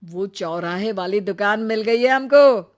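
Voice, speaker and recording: A performer voicing a young husband and son, an eager shopkeeper in a cartoon story, who talks in an excited way. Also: mid-range voice, unhurried, natural voice.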